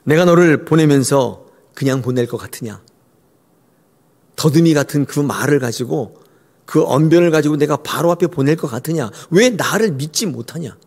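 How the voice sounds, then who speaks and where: A man's voice: fairly high pitch, lively intonation, normal speed, a little mellow, in a large hall. A man voicing a stern deity who rebukes and demands faith.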